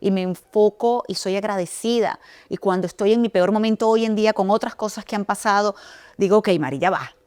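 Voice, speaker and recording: A woman's voice: mid-range voice, fairly even intonation, fairly quick, a little mellow, smooth, no echo. A middle-aged woman from Venezuela, a news anchor and author, telling her personal story as an interview guest in an earnest, reflective way. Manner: earnest, reflective, many restarts and quoted dialogue.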